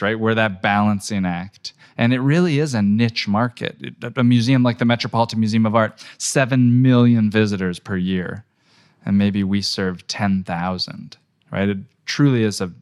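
Energetic man in a podcast chat. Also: on the low side. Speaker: guest, gallery tour business owner. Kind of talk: podcast conversation.

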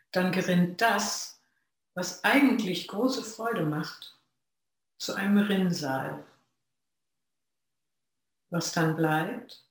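Reflective dharma talk from a Zen practitioner, unhurried and pausing, heavy room echo. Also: mid-range voice, a bit bright. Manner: slow, measured, pausing between phrases. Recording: very echoey room.

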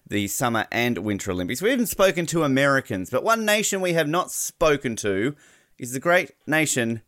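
A man's voice: mid-range voice, sing-song, a little fast, a bit bright, no echo, studio quality. A man with an Australian accent hosting a sports podcast in a chatty, wordy, bantering way.

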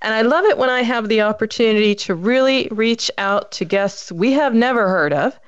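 Chatty woman podcast host, smooth voice. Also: a little high, moderate pace, no room sound, lo-fi sound. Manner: chatty, repeats words when excited. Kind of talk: casual interview chat.

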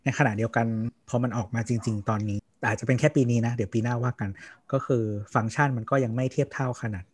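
A man co-hosting a casual tech podcast, chiming in quickly with questions and comments. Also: mid-range voice, fairly even intonation, slightly rough.

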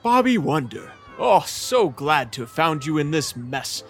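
A woman's voice: low voice, very animated, measured pace, faint music behind, full character voice. A woman playing a self-important, fretful town mayor in a children's audio story. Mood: fretful, pompous.

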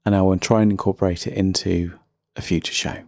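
A man's voice: low-pitched, flat delivery, a little fast, gravelly, darkish tone, no room sound. A man with a faint Birmingham accent hosting a casual solo music podcast, chatty, rambling and self-deprecating. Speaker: podcast host.

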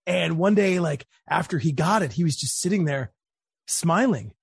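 A man's voice: fairly high pitch, normal speed, gravelly, husky, no echo, clean studio sound. A man interviewing a guest in a casual way, telling anecdotes and acting out quotes. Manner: casual, animated storyteller, acts out quotes. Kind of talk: conversational interview.

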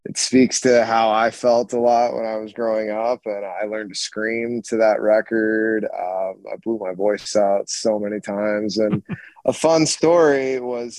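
A man who plays in a rock band, telling stories in a rambling, animated way with lots of restarts. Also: on the low side, no echo. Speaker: guitarist and screamer in a rock band, guest. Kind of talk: casual storytelling chat.

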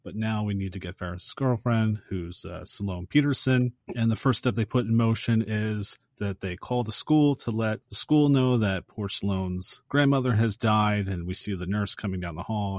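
A man's voice: on the low side, normal speed, hardly any pauses, a little mellow, no room sound, studio quality. A man co-hosting a casual movie podcast, retelling a film scene with energy and acting out the characters' lines. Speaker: podcast co-host.

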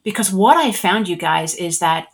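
Lively middle-aged woman telling her story. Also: fairly low pitch, normal speed, vocal fry. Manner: animated, acts out her own past thoughts in quotes. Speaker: guest, spiritual energy worker. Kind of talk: casual personal storytelling.

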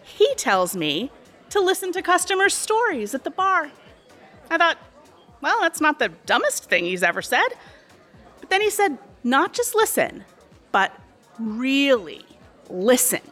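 A woman's voice: very high-pitched, very animated, normal speed, a bit bright, faint music behind, full character voice. An actress in her thirties playing a sly, chatty cocktail waitress and aspiring actress in an audio drama. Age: 30s. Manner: chatty, sly, sweetly condescending. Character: scheming woman bar waitress, aspiring actress.

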